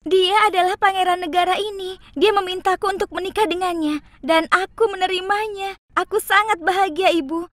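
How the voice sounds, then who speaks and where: A woman voicing a timid, sheltered young maiden in a cartoon, breathy and girlish. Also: very high voice, steady tone, brisk, a bit bright, no room sound, pitched above the performer's own voice. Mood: happy.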